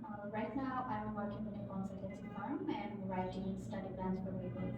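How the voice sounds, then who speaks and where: A woman's voice: medium pitch, fairly even intonation, moderate pace, lo-fi sound, loud music behind the voice. A young woman from Bangladesh answering questions in a mock speaking exam, hesitant and searching for words with frequent fillers. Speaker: test candidate. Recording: echoey room, far from the mic, loud background noise.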